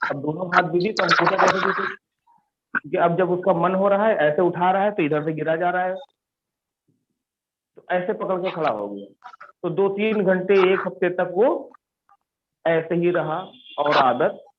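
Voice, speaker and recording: A man's voice: high voice, unhurried, long pauses, a little hiss or hum. A man teaching an English class, telling stories and quizzing his students, repeating the key words. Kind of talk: classroom lesson with storytelling. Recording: tinny phone-like online class audio.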